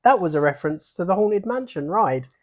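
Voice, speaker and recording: A podcast co-host with a mid-range voice talks casually about an animated film. The delivery is relaxed, and the remarks are dry and observant. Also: mid-range voice, fairly quick. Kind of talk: casual chat.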